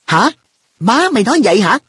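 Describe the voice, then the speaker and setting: A man voicing an earnest, quick-tempered schoolboy in a storybook reading, speaking with a raised, indignant boyish tone. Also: a little high, animated, husky, dry recording.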